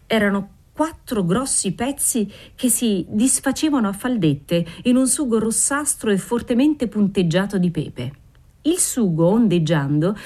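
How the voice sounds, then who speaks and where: A woman narrating a classic novel aloud in a measured, descriptive reading. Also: medium pitch, darkish tone. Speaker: audiobook narrator. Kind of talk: scripted narration.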